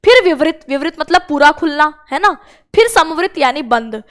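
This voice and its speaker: A woman's voice: sits high, expressive, moderate pace. A young woman teaching a Sanskrit exam-prep lesson, drilling short mnemonics and having students repeat after her.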